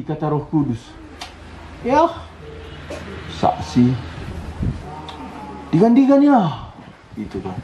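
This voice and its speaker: Animated male preacher, high and lively. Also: slight background noise. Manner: animated storytelling, acting out little dialogues. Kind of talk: camp sermon. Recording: roomy, slightly dull hall recording.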